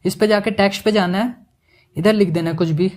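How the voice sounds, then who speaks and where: A man giving a casual, joking software tutorial, mixing English words into his Hindi as he works. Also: sits high, steady tone, brisk. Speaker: animation tutorial instructor.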